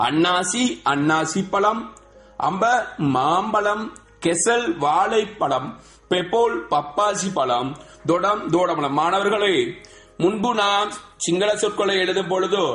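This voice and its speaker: A man teaching a spoken language lesson to schoolchildren, drilling word lists slowly and repeating them. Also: sits high, a bit bright. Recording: echoey room with faint music.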